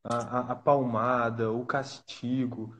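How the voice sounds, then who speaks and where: A man's voice: mid-range voice, level tone, slow, a bit bright. A man hosting a casual live chat about fatherhood, thoughtful and a little hesitant. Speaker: host.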